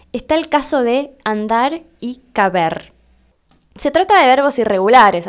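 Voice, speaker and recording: A young woman with a Rioplatense Spanish accent, giving a grammar lesson and slowing down to spell out verb forms as she reads entries aloud. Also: medium pitch, clean tone. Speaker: Spanish language teacher.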